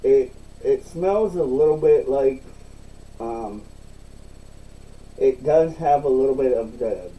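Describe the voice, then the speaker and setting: Casting: male reviewer, very mellow dark tone, unhurried halting delivery, mic a bit far off. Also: medium pitch, animated. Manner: halting, repeats himself. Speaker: product reviewer. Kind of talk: casual, unscripted online review.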